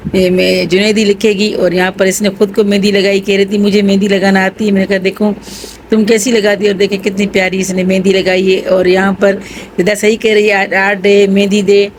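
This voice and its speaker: A woman's voice: mid-range voice, slight background noise, low-quality recording. A woman vlogger from Pakistan, narrating a casual home vlog while tired with a headache. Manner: chatty, narrating what family members are doing. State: headache, low energy.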